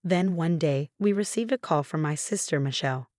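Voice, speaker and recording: A woman narrating a first-person drama story in a steady, measured reading voice. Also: sits low, no room sound, studio quality. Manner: even, measured reading of all characters in one voice.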